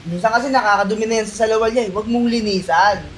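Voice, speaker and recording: A man's voice: high voice, quick pace, slight background noise, lightly acted. A man playing a callous partner who teases and mocks an old woman in a melodrama. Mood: mocking. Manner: teasing, laughing cruelly.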